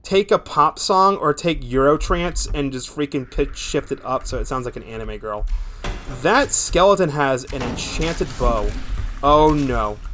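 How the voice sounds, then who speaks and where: A man's voice: mid-range voice, animated, normal speed, a bit bright, a little hiss or hum. A man streaming a video game, talking casually and in a rambling way to his viewers. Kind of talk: casual live gaming stream chat.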